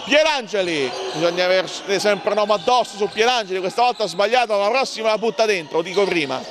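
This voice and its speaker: A man giving breathless, often shouted live basketball play-by-play with drawn-out names, in an excitable manner. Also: sits high. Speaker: basketball commentator. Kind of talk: live play-by-play sports commentary. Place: courtside in an indoor basketball gym. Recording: clear background noise of sports hall. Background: bouncing basketballs and hall ambience.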